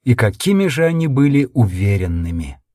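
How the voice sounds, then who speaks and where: Guy reading an audiobook, dramatic first-person telling, dark warm voice, dry. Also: medium pitch, big pitch swings, moderate pace, no room sound. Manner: dramatic, intense storytelling. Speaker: audiobook narrator.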